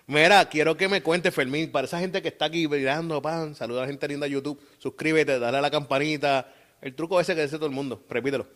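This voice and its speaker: A man's voice: on the high side, steady tone, quick pace, fairly bright tone. A man with a Puerto Rican accent hosting a casual podcast interview, hyped and playful, full of slang. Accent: Puerto Rican Spanish. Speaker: podcast host.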